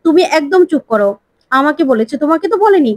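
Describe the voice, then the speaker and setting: A woman's voice: high-pitched, animated, fast, darkish tone, no room sound. A woman voicing an angry, curt middle-aged father in a retold serial. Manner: curt, commanding.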